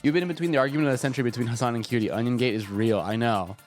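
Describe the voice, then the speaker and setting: A man with a mid-range, slightly mellow voice talks very fast on a casual livestream, sounding a bit stuffy. He jokes and swears plenty, speaking into a desk microphone while faint music plays.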